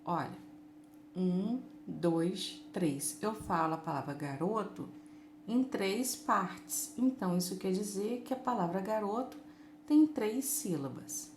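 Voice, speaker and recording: A woman teacher talks children through a lesson in an unhurried, patient way, stretching each word. Her voice sits at a middle pitch. The room is echoey, with a faint hiss of noise behind her. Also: animated. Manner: slow, patient, drawn-out words.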